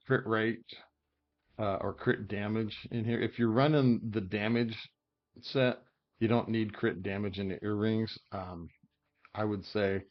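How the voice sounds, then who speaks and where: A man with a lowish voice, a game guide creator, chats casually about in-game character builds, thinking out loud with plenty of fillers and hiccups. The sound quality is lo-fi.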